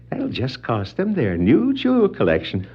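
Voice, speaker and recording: Gleeful vengeful clown villain, high-pitched, theatrical cackles, 1960s audio drama, dull record sound. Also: male voice, breathy edge, heavily acted. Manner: frequent wild cackling laughter, theatrical gloating. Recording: vintage dull lo-fi vinyl record, music.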